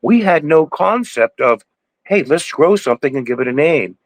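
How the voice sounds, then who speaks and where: A podcast guest in his sixties who breeds cannabis speaks in a slightly high voice with lively intonation and normal speed. There's no echo. His casual interview talk meanders, moralizes and restarts many times.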